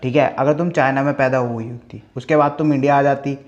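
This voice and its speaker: A man's voice: medium pitch, steady tone, brisk, lo-fi sound. A man from Dehradun giving crude, mocking roast commentary full of swearing. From Dehradun, India.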